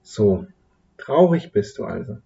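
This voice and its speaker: A man voicing a gentle, cheerful little old woman who personifies Hope, speaking softly and kindly in a slightly muffled recording. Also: on the low side, sing-song, a little slow, creaky, heavily acted.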